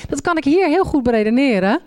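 A middle-aged woman preaching a sermon, telling Bible stories with lively voices for the figures. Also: high voice, fast. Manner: animated storytelling, acts out voices in the reading.

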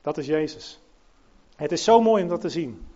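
A man with a high voice delivers a sermon in an emphatic way. He climbs to loud, ringing peaks and then sinks to soft, low passages. The recording sounds a little dull and muffled. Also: animated, normal speed. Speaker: preacher.

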